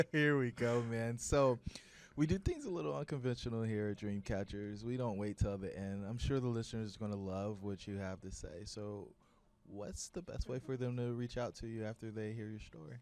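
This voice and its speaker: A man's voice: on the low side, moderate pace, a little mellow, slight background noise. A man hosting a podcast interview, with a teasing, joking way of talking. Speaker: podcast host. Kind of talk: casual interview talk.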